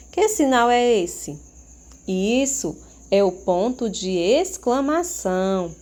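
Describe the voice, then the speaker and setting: Brazilian woman teacher, mid-pitched, patient questioning delivery for small kids, crickets faintly behind. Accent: Brazilian Portuguese. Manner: slow, expressive, questioning teacher talk with rhetorical questions. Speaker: primary school teacher. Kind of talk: recorded remote lesson for young children.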